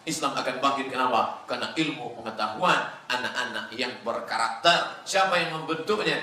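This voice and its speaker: A male preacher giving a sermon, swinging between loud, emphatic bursts and soft, quiet asides. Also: medium pitch, moderate pace. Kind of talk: Islamic sermon to a congregation. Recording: echoey hall with faint noise.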